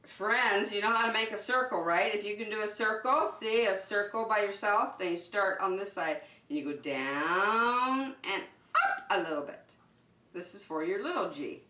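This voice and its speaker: Mid-range and pushed bright, with lively intonation at a normal speed, a woman's voice leads story and circle time as a preschool teacher. She speaks straight to young children in short, simple, encouraging phrases in a lesson with singing, recorded at a distance in a large room.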